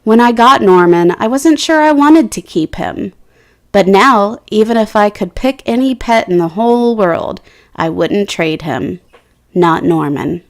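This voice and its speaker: A woman slowly and expressively reads a children's picture book in a mid-range voice, raising the characters' dialogue with a lift of its own.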